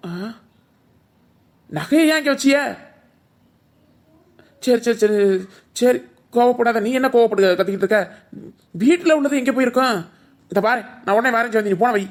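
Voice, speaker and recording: Cartoon casting: a voice actor as an anxious young village husband, mid-range pitch, Tirunelveli Tamil accent. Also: natural voice. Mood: alarmed. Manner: flustered, quick questions. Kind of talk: cartoon voice acting.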